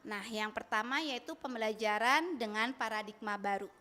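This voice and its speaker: Presenting a training session to fellow teachers, a Bandung woman with an Indonesian accent keeps things upbeat and frequently prompts her audience to respond. She talks at normal speed, with a fairly high pitch and a sharp tone.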